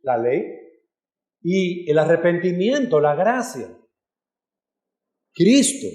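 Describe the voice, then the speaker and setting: A man's voice: high-pitched, sing-song, slow, darkish tone, reverberant. A man preaching a sermon as pastor, earnest and direct, speaking to his congregation as brothers and sisters. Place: church hall.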